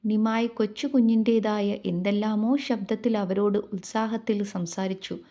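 A woman narrates a devotional tale in a gentle, reverent way. Her voice is soft and mellow, with a warm and relaxed color. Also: mid-range voice, moderate pace. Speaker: storyteller.

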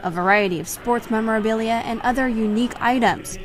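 A woman reporter reading a scripted news voice-over in a measured tone. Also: fairly high pitch, over music.

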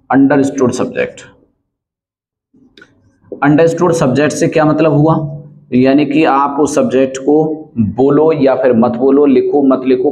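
A man's voice: mid-range voice, mellow, slight background noise, low-quality recording. A man teaching an English grammar lesson, explaining step by step and often asking checking questions.

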